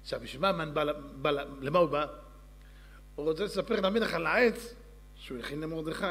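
A man's voice: fairly high pitch, a bit bright. Man preaching in an echoey hall. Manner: storytelling, addressing audience directly. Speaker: rabbi. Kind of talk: sermon. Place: synagogue or lecture hall.

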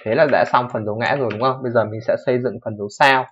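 A young man rattles through a coding lesson at a fast clip. He keeps it casual, often checking in with his listener and fixing his own slips as he goes. The recording sounds dull and lo-fi. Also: medium pitch, fairly even intonation, a bit bright, slight background noise. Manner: fast, informal explaining with frequent "đúng không" checks and self-corrections. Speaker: programming teacher. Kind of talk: screen-recorded coding tutorial. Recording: dull lo-fi microphone.

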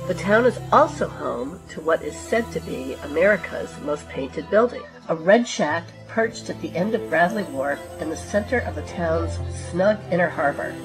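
A woman giving measured, scripted documentary narration. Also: fairly low pitch, poor audio. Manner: measured, even storytelling delivery. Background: music.

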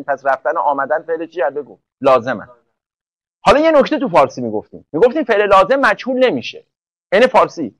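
A male teacher with a high voice runs an online class lecture, recorded dry and close. He drills students with rapid questions and often answers them himself. When he reaches example sentences, he slows down to lay out each word. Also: dry recording, rough recording. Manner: slows right down to spell out English sentences. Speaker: English teacher.

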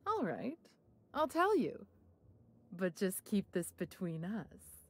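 A woman's voice: medium pitch, very animated, slow pace, husky, full character voice. An actress voicing a sly, discreet woman who runs a secret venue in a game, talking in a coy, conspiratorial, dryly smug way. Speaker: game character, gallery receptionist.

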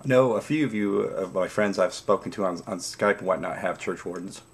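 A man in his forties chatting casually to camera in a savoring way, pausing between puffs on a pipe. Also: low-pitched, fairly even intonation. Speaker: pipe-smoking vlogger. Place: small dim room at home, indoors.

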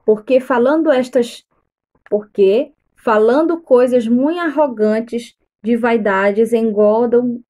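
A woman missionary reading the Bible aloud slowly and deliberately during a live stream, pausing to tell listeners which verses to mark. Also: on the high side, darkish tone.

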